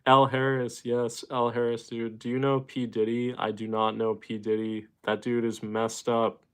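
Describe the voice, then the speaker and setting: A young Boston man hosts a casual livestream, reading viewer comments, greeting chatters, and rambling with plenty of fillers. His mid-range voice is smooth and a bit bright, with a level tone at a normal speed.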